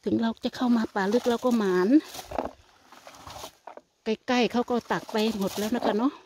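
Older woman, Isan Thai accent, slightly high voice, casual forest vlog on a phone with faint outdoor noise. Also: fairly even intonation, normal speed, a little mellow. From Thailand. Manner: chatty, addresses viewers as family. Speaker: vlogger. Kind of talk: casual chat while foraging.

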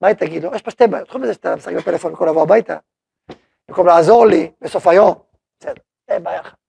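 A man's voice: high-pitched, vocal fry, darkish tone, breathy edge. A man teaching a Torah lesson as a rabbi, speaking conversationally and putting questions to his listeners. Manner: conversational, asks the audience questions.

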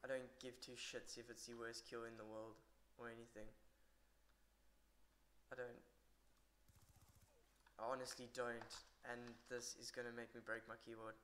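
A man's voice: medium pitch, flat delivery, moderate pace, pauses often, a bit bright, slight background noise. A tired man giving rambling, irritable live commentary on his own match and swearing a lot. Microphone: poor computer mic.

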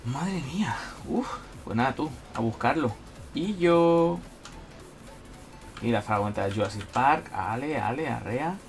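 Excitable gamer man, lively pitch. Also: measured pace, gravelly, faint music behind. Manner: excitable, talks to himself, frequent exclamations. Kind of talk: live gameplay commentary.

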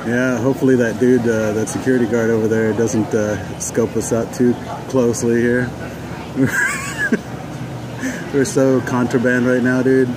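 A laid-back man co-hosting a casual show, talking in easy slang and calling his friend dude. He sits on an open-air racetrack terrace. Clear outdoor noise and traffic run under his voice. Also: mid-range voice, level tone, normal speed. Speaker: podcast co-host. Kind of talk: casual chat.

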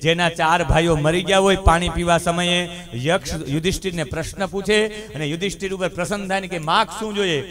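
High voiced man preaching outdoors, fiery and full of questions. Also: fairly even intonation, brisk, few pauses, crowd noise. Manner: impassioned, rising emphasis, rhetorical questions. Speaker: religious speaker. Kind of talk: sermon to a crowd. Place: open ground gathering.

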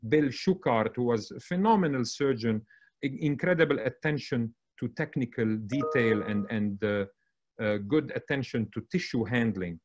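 A man from Lebanon hosts an online medical conference, introducing each guest with admiring remarks. His delivery is steady and mid-pitched, often broken by fillers and self-corrections. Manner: warm, admiring, with frequent fillers and restarts. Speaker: moderator introducing panelists and speakers.

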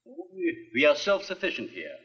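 A courteous husky-voiced scientist. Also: male voice, fairly high pitch, wildly swooping pitch, normal speed, a bit bright, dull audio, heavily acted. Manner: polite, lecturing. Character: courteous male scientist, earnest and enthusiastic. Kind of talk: 1950s film acting. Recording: long hall reverb, 1950s film soundtrack.

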